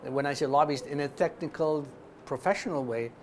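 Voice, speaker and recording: An Ethiopian investment fund chairman, appearing as an interview guest, explains business in a fairly high voice, a little fast, with slight hiss or hum. He speaks emphatically, punctuating his points with short check-ins.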